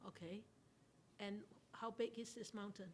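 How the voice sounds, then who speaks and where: A Buddhist nun giving an interactive Dharma talk to a study class, unhurried, questioning her listeners and laughing often. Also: medium pitch, fairly even intonation, darkish tone, a little hiss or hum.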